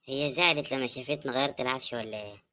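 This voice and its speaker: A woman voicing a tired young widow in an animated drama, speaking Egyptian Arabic in a pleading, defensive way. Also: a bass voice, racing. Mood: weary, defensive.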